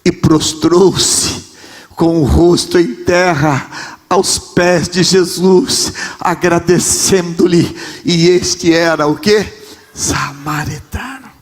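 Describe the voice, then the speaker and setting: A man with a fairly high voice and a Rio de Janeiro Brazilian Portuguese accent preaches a Pentecostal sermon, impassioned and often shouting as he repeats his phrases. His voice rings out through a large church sanctuary. Long reverb from the hall trails after every line. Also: very slow, faint music behind. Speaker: pastor.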